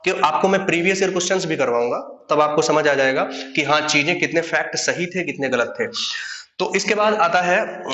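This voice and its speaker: A man's voice: on the high side, fairly bright tone, echoey room, muffled recording. A young man teaching a grammar lesson to online students, who asks questions and then answers them himself.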